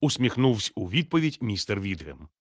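A man reads a children's storybook aloud, steady and measured with gentle expression. His voice sits low, recorded close and dry with no room sound. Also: husky, dry recording. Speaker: narrator. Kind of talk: scripted storybook narration.

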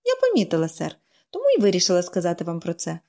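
A woman reader voicing a cheerful, chatty young girl who speaks brightly and eagerly. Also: lowish voice, wildly swooping pitch, quick pace. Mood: chirpy.

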